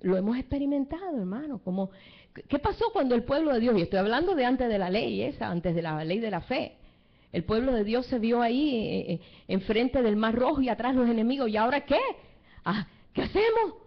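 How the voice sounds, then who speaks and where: Woman, sermon, lively storytelling, acts out quotes, lo-fi dull sound. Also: fairly high pitch, a little fast. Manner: lively storytelling, acting out the people she quotes. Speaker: preacher.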